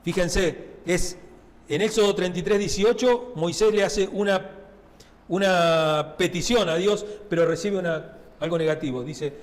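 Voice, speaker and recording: A man with a high voice and a Rioplatense Spanish accent preaches in a chatty, conversational way and keeps checking in with his listeners. His voice rings through a church with a long hall reverb. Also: measured pace. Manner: conversational preaching with frequent tag questions. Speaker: pastor. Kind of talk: sermon. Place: church sanctuary.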